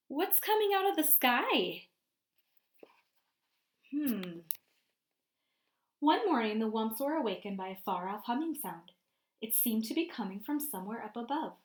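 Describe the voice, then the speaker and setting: A teacher, a woman, reads aloud from a picture book to young children with plenty of expression, regularly inviting them to answer questions. Her voice is a little high.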